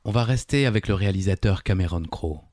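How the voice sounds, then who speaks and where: A man's voice: on the low side, fast, darkish tone, no echo, studio quality. A man co-hosting a quiz podcast, reading questions and teasing his partner in casual, joking chat. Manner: teasing, playful, reads questions aloud.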